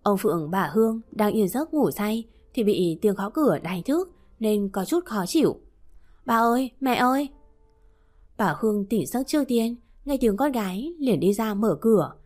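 A woman narrating a romance story in a steady reading voice. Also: medium pitch, moderate pace.

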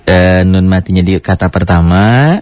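Male teacher, lowish voice, patient step-by-step delivery with slowed demonstrations, dry and slightly muffled recording. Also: a little mellow, no echo. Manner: explains step by step with many "gitu" tags, slows to recite examples. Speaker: Quran recitation teacher. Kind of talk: tajwid lesson, explaining and demonstrating recitation.

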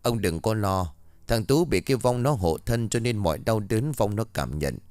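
Man doing a stern old exorcist, scolding, low voice, dry recording. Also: animated, normal speed, a little mellow, no echo, close to an everyday voice.

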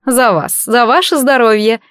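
A woman's voice: normal speed, a bit bright, clean tone, no room sound, clean studio sound, lightly acted. Woman playing a bossy older queen. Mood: stern. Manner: higher, emphatic and commanding.

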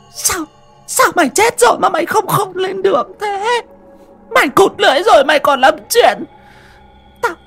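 A woman's voice: very high-pitched, vocal fry, fairly bright tone, heavily acted. A woman voicing a fearful old nanny who wails and stammers as she cries out. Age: older. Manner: wailing, stammering, crying out. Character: elderly nanny, fearful and panicked.

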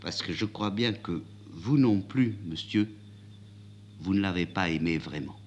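A man voicing a young milliner woman, spirited and proud, with his voice raised high. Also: a little slow, slight background noise. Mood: earnest. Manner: pitched up high, lively and indignant.

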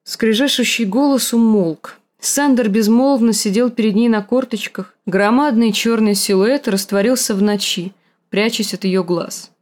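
Woman narrating an audiobook, steady and measured. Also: on the high side. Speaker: audiobook reader. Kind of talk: scripted narration.

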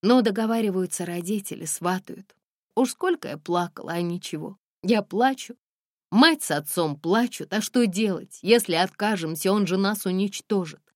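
A woman reading a stubborn young runaway bride who talks quickly and emphatically. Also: medium pitch, a little mellow, no room sound, clean studio sound, voice pushed up, natural voice. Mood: bitter.

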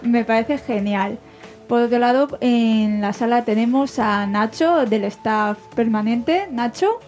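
Una mujer española que conduce un pódcast en tono de charla informal, preguntando con frecuentes reinicios. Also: female voice, fairly high pitch, slow, a little mellow, soft background music. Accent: Spanish from Alicante. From Spain. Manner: chatty, asks questions with frequent restarts. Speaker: podcast host. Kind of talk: casual podcast interview.

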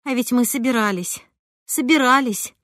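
A woman reads a flustered young mother who frets and bursts into exclamations, her voice riding high. It is a dry, close audiobook recording with no room sound. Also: normal speed, a bit bright, no room sound, natural voice. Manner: exclaiming, anxious. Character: flustered mother, emotional and quick to cry. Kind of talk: audiobook character reading.

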